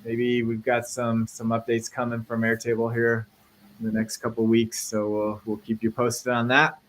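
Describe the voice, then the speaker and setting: A man's voice: medium pitch, normal speed, slight background noise, low-quality recording. A man hosting a casual tech podcast, chatting easily and reading a sponsor spot. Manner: relaxed, reads sponsor spot. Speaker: podcast host.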